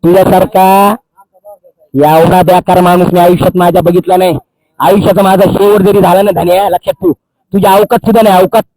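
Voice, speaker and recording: A man's voice: sits high, level tone, brisk, warm tone, no echo, poor audio. A man, a social activist delivering an angry, accusing public tirade and repeating phrases for emphasis. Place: outdoors by a Holi fire.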